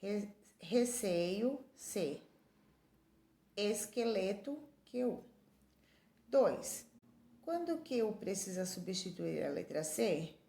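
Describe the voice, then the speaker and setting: A woman teacher reads a workbook lesson to her pupils, spelling letters and calling out words one by one. She speaks slowly, in a mid-pitched voice. The sound is roomy and echoey. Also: expressive, creaky, mellow.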